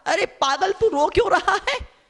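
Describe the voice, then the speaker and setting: A man's voice: extremely high pitch, expressive, unhurried, a bit bright, voice pushed up, heavily acted. A man voicing a brave young boy facing martyrdom who comforts his elder brother defiantly.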